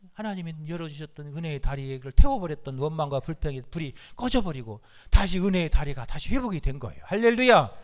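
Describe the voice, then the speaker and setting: High-pitched middle-aged pastor guy preaching, voice jumps all over, gets people to shout back. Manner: exhorting, call-and-response with congregation, bursts of shouted commands. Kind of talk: sermon.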